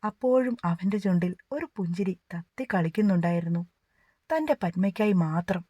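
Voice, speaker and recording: A woman narrating a romance novel in a steady, gentle reading voice. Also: fairly low pitch, normal speed, dry recording. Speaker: audiobook narrator. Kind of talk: scripted narration.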